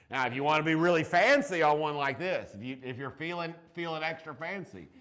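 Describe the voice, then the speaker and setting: A man's voice: medium pitch, fairly bright tone. A man in his forties teaching a math class, chatty and encouraging, with joking asides to his students. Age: 40s.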